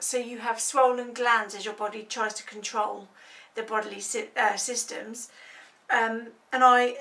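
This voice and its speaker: A woman with a bright, fairly high voice gives an informal, explanatory talk. She is conversational, leaning on personal examples and plain comparisons. The recording places her a little way from the microphone. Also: distant mic. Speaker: health awareness campaigner.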